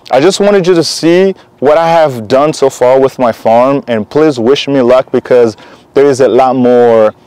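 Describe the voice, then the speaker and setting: Recorded dry and in low quality, this young man from Congo Kinshasa speaks in a medium-pitched, dark voice. He's a vlogger offering casual motivational talk, earnest and encouraging, his sentences loose and rambling.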